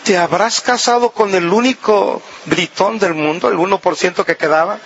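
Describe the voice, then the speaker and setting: A man's voice: sits high, moderate pace, husky, lo-fi sound. A man preaching a sermon in a folksy, humorous way, acting out little scenes as he teaches.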